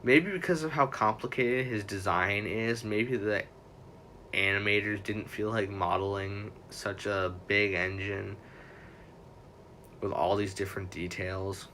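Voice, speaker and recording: A man's voice: on the low side, fairly even intonation, a little slow, bright, forceful tone, a little hiss or hum. A young man hosting a livestream in a casual, rambling way, correcting himself often as he chats. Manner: rambling, self-correcting, chatty fan talk. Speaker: livestream host.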